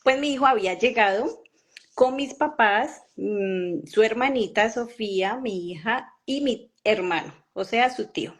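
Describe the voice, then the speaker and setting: Colombian woman, halting emotional testimony. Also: on the high side, expressive. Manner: halting, with many pauses and fillers; earnest and emotional. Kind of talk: personal testimony.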